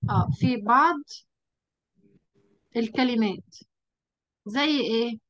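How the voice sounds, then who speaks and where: This Egyptian-accented woman's voice is a little high and a bit bright, heard through a muffled recording. She teaches at a whiteboard, testing her pupil with questions and stretching out example words slowly.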